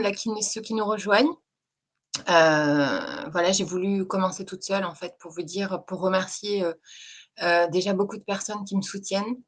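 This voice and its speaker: A woman hosting a live stream, talking in a soft, hesitant way with many fillers. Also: mid-range voice. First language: French. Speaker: host. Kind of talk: casual live-stream chat.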